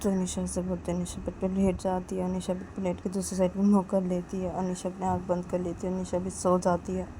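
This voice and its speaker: A woman narrating a story in a casual, repetitive way, her voice low and mellow. Faint hiss runs behind her. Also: monotone, brisk, hardly any pauses. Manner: plain, repetitive retelling.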